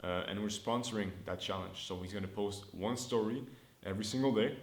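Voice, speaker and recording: Upbeat and chatty, a young man in his early twenties talks a little fast in a fairly low voice, thinking aloud and restarting sentences. He is a startup founder from Montreal, Canada, whose first language is French. He records a casual business vlog update on his own camera in an indoor room with a noticeable echo.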